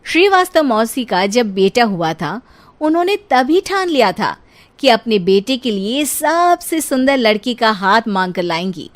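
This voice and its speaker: A woman's voice: on the high side, sing-song, a little slow. A woman narrating a light comic cartoon story in a playful, teasing way.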